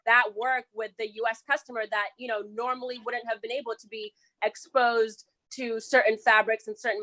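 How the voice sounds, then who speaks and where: A woman's voice: on the high side, fairly bright tone, poor audio. A woman from Zimbabwe speaking in a casual, conversational way as a founder on an online panel. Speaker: shop founder. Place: inside her shop during a thunderstorm.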